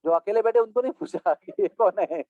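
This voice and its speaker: A man giving a devotional storytelling discourse as a spiritual teacher, animated and playful, mixing in English phrases. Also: high-pitched, brisk, no echo. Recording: tinny phone-like dry sound.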